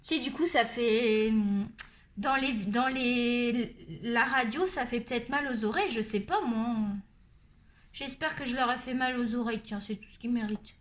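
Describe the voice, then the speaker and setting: A woman with a high, shrill voice who talks loudly and at length, chatting her way through a colored-pencil tutorial. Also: normal speed. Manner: loud, talkative and animated. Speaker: colouring tutorial host.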